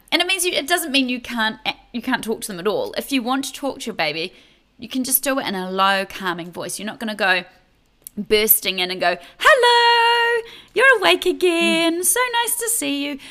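Lady chatting baby tips on a podcast, bright voice, lots of restarts. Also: mid-range voice. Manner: chatty, many restarts, laughs lightly. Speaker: podcast co-host. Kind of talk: casual advice chat.

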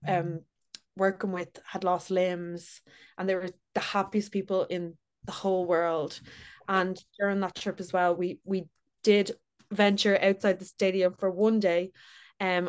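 A woman's voice: fairly low pitch, smooth. A woman podcast guest telling a travel story in an earnest way, with many fillers. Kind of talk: casual interview chat.

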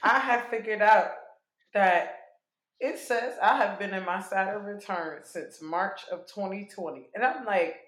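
A woman chatting as a podcast guest. She is animated and swears freely, acting out her own reactions as she tells a story. The recording is roomy, with a noticeable echo. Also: medium pitch, measured pace. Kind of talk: casual chat.

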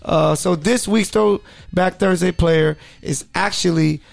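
A man's voice: sits high, slow, vocal fry, no echo. A man hosting a casual sports podcast, joking loosely with lots of fillers. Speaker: podcast host.

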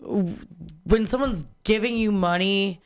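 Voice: medium pitch, measured pace, smooth. A podcast co-host chatting casually and joking, acting out little quoted lines as she tells stories. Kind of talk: casual chat.

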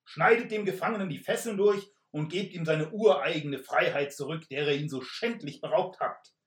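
A man voicing a blustering, gray-bearded old knight with booming, archaic speech. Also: expressive, normal speed, natural voice. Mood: bellowing. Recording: roomy echo.

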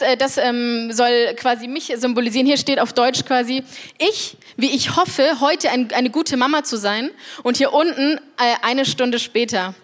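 A woman's voice: sits high, a bit bright. A woman in her thirties giving a personal, confessional devotional talk, speaking straight to the listener. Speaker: church speaker.

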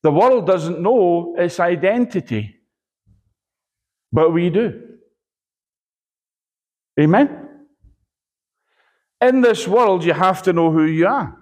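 A man's voice: high voice, lively intonation, slow pace, long pauses, a little mellow. A man preaching a sermon, emphatic and repetitive, often asking his listeners for an amen. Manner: emphatic, repetitive, calls for amens.

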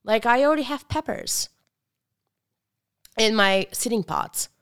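A woman's voice: on the high side, measured pace, a bit bright, clear, resonant tone. A woman from Bulgaria, talking as a guest in a casual interview, reflective and earnest, often restarting her sentences.

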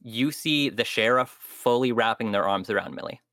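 A man's voice: medium pitch, normal speed, sharp tone, dry recording. A man narrating as game master, hesitant with many fillers.

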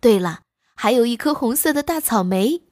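A woman's voice: fairly high pitch, lively intonation, moderate pace, darkish tone, no room sound, clean studio sound, natural voice. A woman voicing a proud, boastful grown male wolf in a children's story, lecturing in a show-offy, impatient way.

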